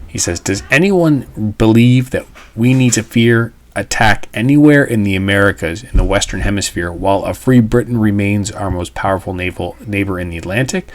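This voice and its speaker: Reading a text aloud in class, a male history teacher stops to explain it in a casual, emphatic manner. His voice is on the low side and his pace is moderate.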